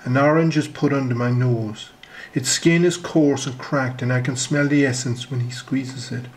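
A man reading his own short story aloud in the first person, measured and low, dropping almost to a whisper on the detective's lines. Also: steady tone, slight background noise, low-quality recording.

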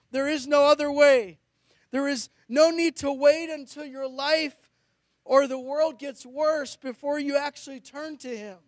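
A middle-aged pastor with a very high-pitched voice preaches a sermon outdoors on a high ledge in a blizzard, reading scripture in an earnest, declamatory way. A handheld or stand microphone sits close to his mouth, and there is no echo.

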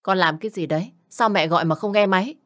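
Woman doing a gentle, worried mother. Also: mid-range voice, quick pace, natural voice. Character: worried middle-aged mother, gentle and anxious.

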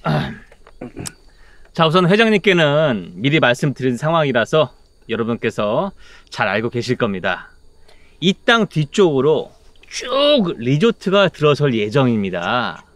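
A middle-aged developer in a web drama, deferential and salesman-like. His medium-pitched voice moves around a lot, with hesitant, courteous phrasing. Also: sing-song, measured pace, fairly bright tone, slight background noise. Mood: polite, ingratiating. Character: smooth-talking, deferential resort developer in a suit. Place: outdoors in the countryside.

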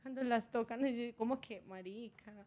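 Colombian woman, radio guest, fairly high voice, giggly and chatty, laughs through her stories. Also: moderate pace, crowd noise. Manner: giggly, laughs often while telling stories. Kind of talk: casual chat. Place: radio studio.

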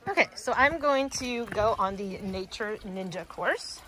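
A woman's voice: medium pitch, animated, unhurried, sharp tone. A woman giving a casual, chatty walking tour of an outdoor school, a bit out of breath, exclaiming at what she finds. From United States. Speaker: vlogger touring a school. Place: outdoors at a wooded farm school.

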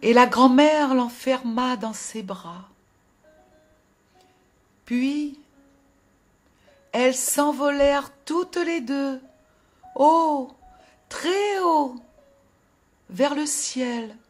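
A woman narrating a fairy tale in a gentle, expressive storytelling voice that drops to a hush at sad moments. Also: high voice, extremely slow, pauses often. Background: faint music.

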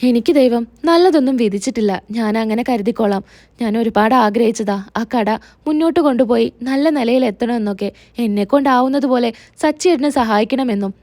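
A woman voicing a gentle young wife in a retold serial, speaking in a tearful, pleading way. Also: a little high, a little fast, no echo, close to an everyday voice.

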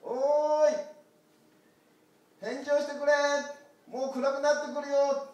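Man doing a shepherd shouting across an echoey hall. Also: very high voice, measured pace, voice pushed up. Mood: calling anxiously. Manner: loud calling and shouting. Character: kind, worried shepherd man calling out loudly. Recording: echoey church hall from far off.

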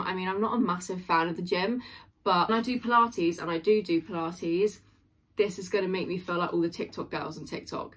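A woman's voice: lowish voice, a bit bright, a little hiss or hum. Give me a young woman in her twenties chatting casually about clothes, gushing, filmed in a small bedroom. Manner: chatty and gushing, full of likes and ums. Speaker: fashion haul vlogger. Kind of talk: casual try-on haul chat.

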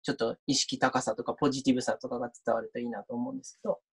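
A man's voice: mid-range voice, level tone, very fast, a bit bright, husky. A university lecturer giving an online mock class, chatty and reading out viewer comments as he talks.

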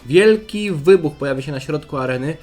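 Guy reading a comic out loud, pitch jumps all over, faint music behind. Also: a little fast. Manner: excitable, breaks into loud outbursts and swearing. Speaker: comic reader and commentator. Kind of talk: reading a fan comic aloud with commentary. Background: faint battle music.

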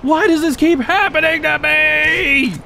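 A man giving casual gameplay commentary as a streamer, with excitable, joking, swearing reactions. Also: very high-pitched, a little slow, vocal fry, a little hiss or hum. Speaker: gaming streamer.

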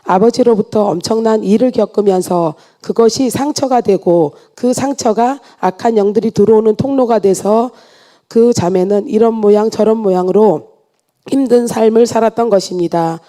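A woman giving an earnest church testimony, read aloud in a steady way with small restarts. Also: mid-range voice, normal speed.

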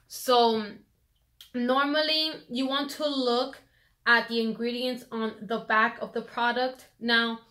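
A woman's voice: a little high, fairly bright tone. A woman vlogger chatting casually through her hair routine, full of fillers, recorded on a phone camera. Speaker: beauty vlogger.

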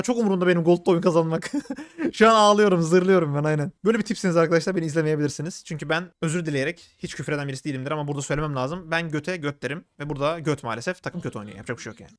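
A man streaming a video game, giving quick play-by-play and complaining about his teammates. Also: a little high, no echo. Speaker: gaming streamer. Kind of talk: live gameplay commentary.

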